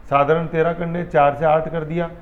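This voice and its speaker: Male lecturer with a slightly high voice and a muffled, lo-fi sound, walking students through a lesson point by point. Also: level tone, normal speed. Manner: explains step by step, checks understanding with rhetorical questions. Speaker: teacher. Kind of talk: classroom lecture.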